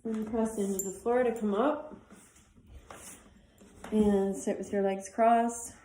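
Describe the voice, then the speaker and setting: A woman's voice: medium pitch, steady tone, slow pace, warm tone, roomy sound. A woman teaching a guided yoga class who chats between instructions and sounds tired. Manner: chatty, apologizes for talking too much. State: tired, yawning. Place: athletic club room.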